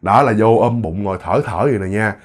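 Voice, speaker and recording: A man's voice: fairly low pitch, brisk. A man telling a ghost story in a chatty way, addressing listeners directly and repeating words for effect. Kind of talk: casual spoken storytelling.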